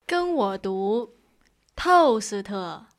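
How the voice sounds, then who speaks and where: Slow, lilting strict tutor, drills each line. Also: female voice, mid-range voice, expressive. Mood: instructive. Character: strict young female Chinese tutor. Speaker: tutor in a lesson dialogue.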